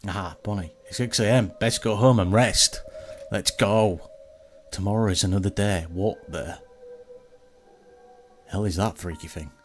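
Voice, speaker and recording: A man's voice: on the low side, measured pace, long pauses, faint music behind. A man casually commenting on a horror game as he plays it, with laid-back, muttered reactions. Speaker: gaming channel host.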